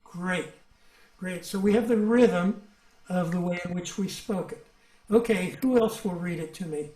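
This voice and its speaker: A man leading a songwriting workshop over a video call, brisk and coaxing, with some hesitant fillers. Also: high-pitched, darkish tone, reverberant, a little hiss or hum.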